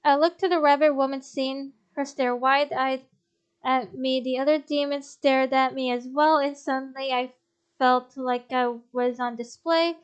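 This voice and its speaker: A young woman reading a visual novel aloud as a game streamer, expressive, with blunt swearing asides. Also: high-pitched, unhurried, clear, resonant tone.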